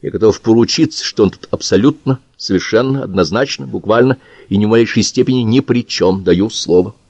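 A male audiobook reader voicing a calm security official who speaks in a level, even voice. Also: fairly low pitch, brisk, breathy edge, no echo, dull audio.

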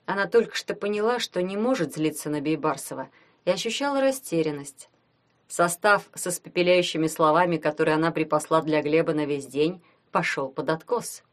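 A woman narrating a fantasy novel as an audiobook, in steady storytelling. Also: low-pitched, a little fast. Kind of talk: scripted narration.

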